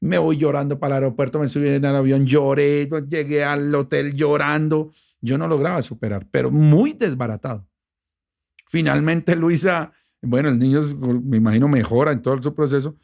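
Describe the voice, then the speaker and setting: A middle-aged man with a Bogotá Colombian accent, a radio journalist telling a personal story in an interview, emotional and animated, with many restarts. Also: a little high, moderate pace, vocal fry. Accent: Bogotá Colombian Spanish. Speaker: radio journalist and station director.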